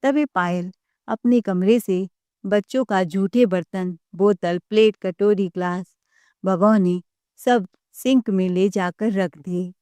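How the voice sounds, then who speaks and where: A woman narrating a scripted family story in a measured, unhurried way. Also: medium pitch, mellow, dry recording.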